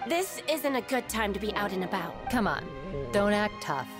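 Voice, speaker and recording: A woman's voice: mid-range voice, animated, normal speed, music in the background, natural voice. A woman voicing a reluctant off-duty guard in a video game. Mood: evasive, resigned. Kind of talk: English video game voice acting.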